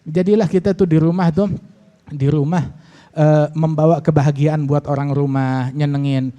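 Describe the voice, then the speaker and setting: A middle-aged man preaches in a relaxed voice that sits a little high. His tone is mellow, and he tells funny stories with lively acted-out voices for the people in them. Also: normal speed, highs cut off. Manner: animated storytelling, acts out voices. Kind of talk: humorous religious talk.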